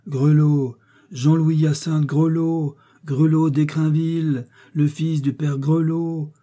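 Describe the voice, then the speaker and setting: A man voicing a tipsy, boisterous one-eyed village man who talks loud and high and at times slips into a whiny, nasal tone. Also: little pitch movement, slow. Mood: jovial tipsy.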